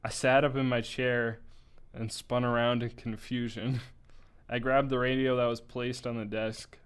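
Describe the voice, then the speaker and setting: A man's voice: mid-range voice, little pitch movement, unhurried, smooth. A young man reading a story aloud in a casual way, stumbling over words now and then and breaking off for asides. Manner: casual, with slips, laughs and asides.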